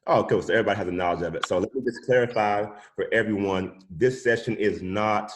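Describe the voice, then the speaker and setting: A man with a very low voice leads a live online music production workshop over a video call. He talks in a loose, chatty way, dropping y'all and yada yada as he goes. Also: fast talker. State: sucking a cough drop.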